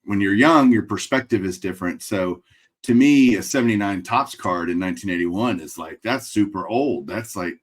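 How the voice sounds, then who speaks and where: Speaking over a webcam video call, a middle-aged Texan with a very deep voice sits in a room full of framed memorabilia. He's a guest collector in a casual interview, answering at a moderate pace, thinking aloud and dropping dry jokes along the way.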